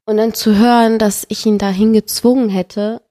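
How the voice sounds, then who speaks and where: A young adult woman appears as a podcast guest and tells a painful personal story with feeling in a casual chat. Her voice is a little high, her pace moderate, and her storytelling emotional and animated.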